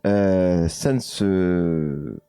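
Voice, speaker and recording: A man's voice: low voice, extremely slow, warm tone, smooth, dry recording, soft background music. A man with a French accent hosting a casual live stream, hesitant with many fillers, reading chat comments aloud and answering them.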